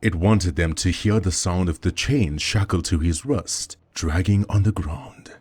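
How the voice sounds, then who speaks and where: A man narrating a scripted horror story as storyteller, with dramatic, expressive delivery. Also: deep voice, a little slow, breathy edge.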